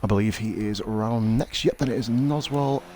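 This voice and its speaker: A man's voice: mid-range voice, fairly quick, mellow, slight background noise. Sweary lisping man commentating. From South West Wales. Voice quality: lisp. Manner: sweary, bantering. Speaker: race commentator, host. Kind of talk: casual livestream sports commentary.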